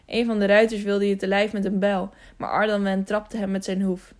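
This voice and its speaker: A woman voicing a gentle, reassuring knight. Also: mid-range voice, flat delivery, moderate pace, lightly acted. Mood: calm reassuring. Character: calm caring male knight, middle-aged.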